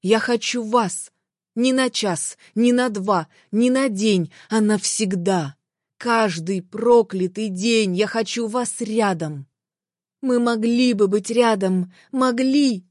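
A woman's voice: on the high side, takes it slowly, darkish tone, no room sound, studio quality. A woman voicing a remorseful adult man who pleads bluntly and insistently with his former partner in an audiobook. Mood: pleading.

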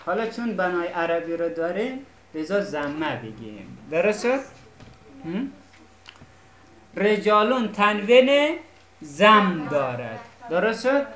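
A woman's voice: fairly low pitch, very animated, long pauses, a bit bright. Echoey patient woman teaching a class. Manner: patient, keeps checking students understand. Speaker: Arabic teacher. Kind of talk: classroom lesson.

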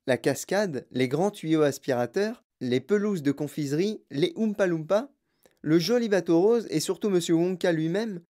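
A man reading a children's storybook aloud in a calm, even narration. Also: a little high.

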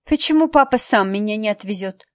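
A woman's voice: medium pitch, lively intonation, fairly quick, no room sound, studio quality, lightly acted. A woman voicing a rebellious teenage schoolgirl who talks back indignantly. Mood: defiant. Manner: indignant, defiant.

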